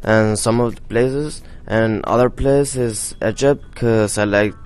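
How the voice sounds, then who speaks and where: A man from Mexico, giving an unhurried class presentation in simple phrasing. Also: fairly low pitch, a little mellow, smooth. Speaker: English learner.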